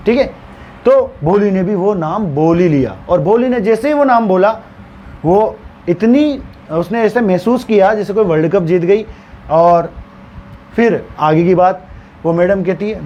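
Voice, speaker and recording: A man's voice: high voice, a little mellow, lo-fi sound, slight background noise. A male teacher retelling a story for students, acting out the characters' stammering and dialogue as he explains.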